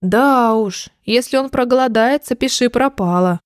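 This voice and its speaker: A woman voicing a calm, sensible male bear in a storybook reading, speaking cautiously. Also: a little high, normal speed, smooth, dry recording, studio quality, natural voice. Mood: gloomy.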